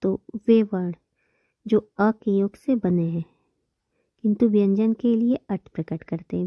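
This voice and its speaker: A woman gives a patient grammar lesson, repeating each term and counting examples out loud. Her voice sits at an ordinary middle pitch. The recording is dry with a slightly dull, muffled tone. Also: no room sound. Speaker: Hindi grammar teacher. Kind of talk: explanatory online lesson.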